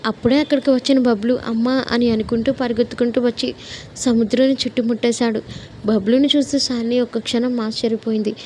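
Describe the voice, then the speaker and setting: A woman reads a story aloud in a steady, even narration. Her voice sits fairly high and sounds mellow. Her pitch moves very little. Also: fast, slight background noise. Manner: steady, even-toned reading.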